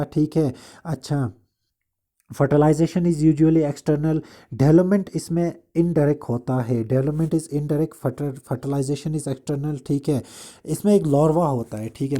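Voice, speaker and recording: एक पुरुष जीवविज्ञान शिक्षक, जो हिंदी और अंग्रेज़ी मिलाकर लेक्चर देता है, बातें दोहराता है और बार-बार "ठीक है" कहता है।. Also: male voice, fairly high pitch, warm tone. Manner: repeats points, constant "theek hai" checks; slows down to read English lines from a diagram. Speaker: biology teacher. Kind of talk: classroom lecture mixing Hindi and English.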